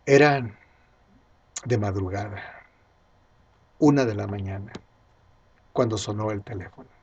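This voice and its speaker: Husky-voiced man preaching earnestly. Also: fairly low pitch, measured pace, darkish tone, lo-fi sound. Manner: earnest, addresses listeners as dear friend. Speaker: pastor. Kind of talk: radio sermon.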